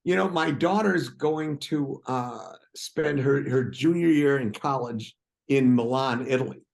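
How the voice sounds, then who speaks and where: A man's voice: medium pitch, unhurried, gravelly. A man from Wisconsin, a guest on a talk show, chatting casually in a wry, self-deprecating way. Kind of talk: casual chat.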